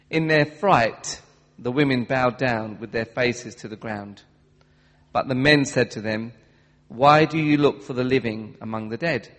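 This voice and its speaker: Man reading scripture in an echoing hall. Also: medium pitch. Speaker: Bible reader in church. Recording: long hall reverb.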